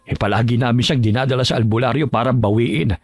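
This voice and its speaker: A man's voice: medium pitch, fairly even intonation, fast, faint music behind, natural voice. A man voicing a worried middle-aged father, soothing and pleading in an audio horror story. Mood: explaining.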